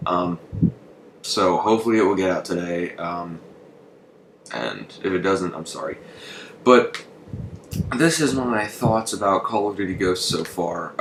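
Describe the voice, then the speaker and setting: Young male gamer, deep voice, rambling and hesitant, echoey noisy room. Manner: rambling, hesitant, lots of ums and swearing. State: shivering from the cold. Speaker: gaming channel host. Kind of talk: casual gameplay commentary. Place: bedroom with a fan running. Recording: echoey room with loud noise.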